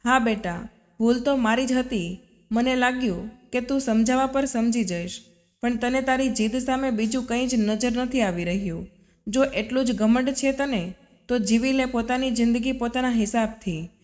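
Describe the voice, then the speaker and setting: A woman voicing a weary older father who speaks gravely and with resignation, in a storybook reading. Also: a little high, moderate pace, a little mellow, natural voice. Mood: resigned. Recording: long reverb.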